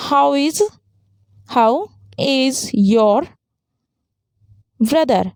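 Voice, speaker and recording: A woman teaching an English grammar lesson at a fast pace, explaining step by step and asking and answering her own questions. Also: high voice, darkish tone, no echo, clean studio sound.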